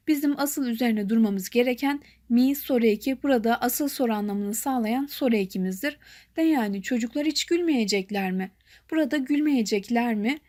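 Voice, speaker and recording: A young woman teaching a grammar lesson, explaining calmly and clearly and reading example lines slowly. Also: high-pitched.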